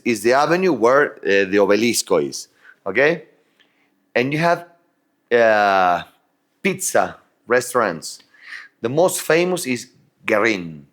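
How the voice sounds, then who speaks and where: A man's voice: mid-range voice, a bit bright. Enthusiastic Argentine man, accented English. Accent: Argentine Spanish. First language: Spanish. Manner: enthusiastic, stumbling restarts, laughs often. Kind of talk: casual chat.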